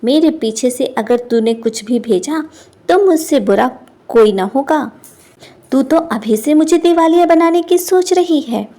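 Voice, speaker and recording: A stingy, hot-tempered old village husband, as a woman narrator puts him on in an animated storybook. He growls threats in a gruff way, though the voice stays fairly high. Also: a little slow.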